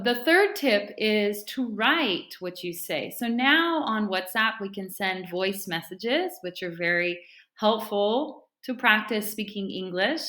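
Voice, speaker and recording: A woman English teacher speaking slowly and clearly to learners in a friendly, deliberate way. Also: medium pitch, a bit bright. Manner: friendly, deliberate, repeats key points. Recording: echoey room.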